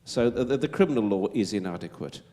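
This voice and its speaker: A man's voice: lowish voice, lively intonation, quick pace, warm tone. A man with a Wolverhampton accent answering as a panel speaker at a public Q&A, emphatic and stumbling over repeated words.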